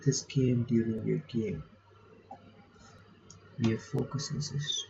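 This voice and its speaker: A man hosts a reaction channel, playing a visual novel and reading its text aloud with informal commentary, reacting between lines. His mid-range voice is creaky, fairly even, and slow. He uses a home mic that sounds muffled and lo-fi, with faint noise.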